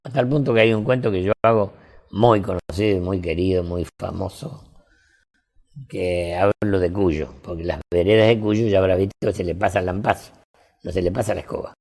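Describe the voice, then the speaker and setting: An older man with an Argentine accent, telling folksy anecdotes in a relaxed interview chat. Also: low voice, normal speed. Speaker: storyteller.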